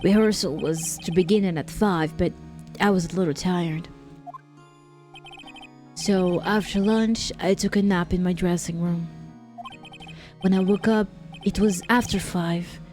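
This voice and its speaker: A woman reading the lines of a tired male television action actor in a slow, earnest way. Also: on the low side, steady tone, a little mellow, soft background music, natural voice.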